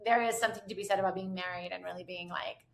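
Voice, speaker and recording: A woman's voice: on the low side, fairly even intonation, very fast, gravelly. A middle-aged woman, an educator and researcher, chatting as a podcast guest and leaning often on "you know" and "like". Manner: chatty, filler-heavy with frequent "you know" and "like". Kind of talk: casual interview chat.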